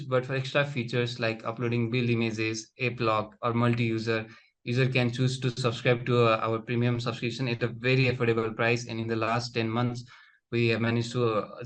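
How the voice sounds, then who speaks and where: A young man, a startup founder, giving an earnest, matter-of-fact pitch and answering questions over a video call. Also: level tone, a little fast. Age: young adult.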